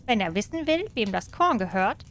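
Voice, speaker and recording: A woman voicing a sly, clever male cat in boots in a storybook reading, by turns bold and flattering. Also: medium pitch, normal speed. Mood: commanding.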